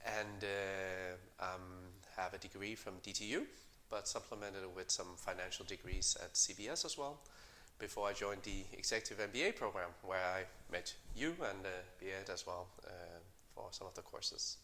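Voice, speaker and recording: A middle-aged man, a company co-founder, answering interview questions in a measured way with many fillers and restarts. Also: sits low, bright, forceful tone, slight background noise. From Denmark.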